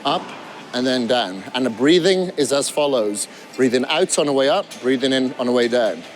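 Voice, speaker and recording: Man, fitness trainer, gym workout instruction, middle pitch, demonstrating while talking, faint background noise. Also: animated, fairly quick. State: out of breath at times.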